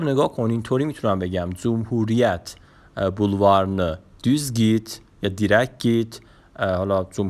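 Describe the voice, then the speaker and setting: Man teaching Turkish words, slow repeats. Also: fairly low pitch. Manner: drawls the Turkish words slowly and repeats them. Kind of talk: casual online language lesson.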